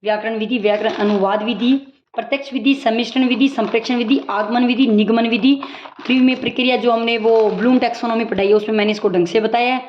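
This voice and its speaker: A woman teacher giving a brisk exam-prep recap lecture, explaining points with everyday examples. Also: fairly high pitch, fairly even intonation, a little hiss or hum. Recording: dull lo-fi audio.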